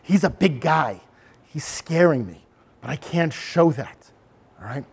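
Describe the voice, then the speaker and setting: A man presenting a bully prevention workshop to parents and children, animated and acting out examples as he goes. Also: fairly high pitch, unhurried, gravelly, slightly rough. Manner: animated, acts out examples with sudden voice changes. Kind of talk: interactive workshop talk to parents and kids.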